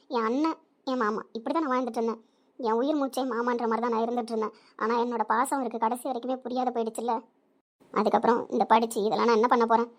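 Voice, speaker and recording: A woman's voice: a little high, lightly acted. A woman voicing a resolute heartbroken village wife. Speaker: educated young wife.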